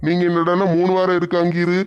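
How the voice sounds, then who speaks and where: A man's voice: sits high, completely flat delivery, quick pace, clear, resonant tone, dull audio, close to an everyday voice. A man playing an earnest middle-aged father in a comedy skit, explaining plainly.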